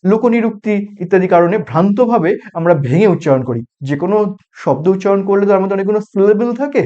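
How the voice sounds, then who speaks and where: A man giving a recorded university lecture, explaining step by step and pausing on example words, with a Bengali accent. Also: high voice, warm tone, lo-fi sound.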